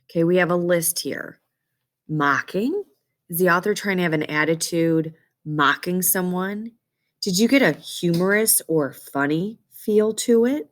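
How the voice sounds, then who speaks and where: Low-pitched woman teaching a reading lesson. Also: measured pace. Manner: checks understanding often with okay and questions. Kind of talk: instructional classroom lesson, explaining and reading aloud.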